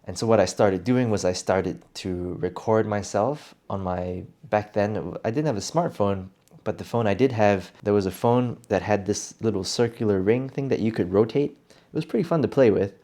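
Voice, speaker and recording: A man's voice: lowish voice, normal speed, mellow. A young adult man, a native English-speaking coach, talking through a casual solo podcast monologue in a reflective way, often restarting his sentences.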